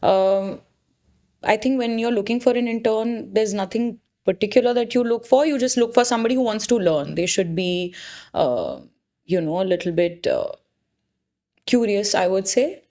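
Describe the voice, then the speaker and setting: A woman's voice: medium pitch, animated, normal speed, darkish tone. A woman with an Indian accent talking casually as a photographer in conversation, informally mixing in the odd Hindi word. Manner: informal, mixes in Hindi words. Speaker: photographer being interviewed.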